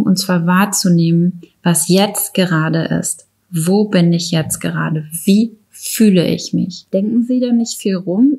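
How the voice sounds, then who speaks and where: A woman with a fairly low voice and a strong creak in it speaks as an instructor. She explains step by step in a reflective way, addressing the listener directly and formally. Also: darkish tone. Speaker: instructor explaining emotions and breathing techniques.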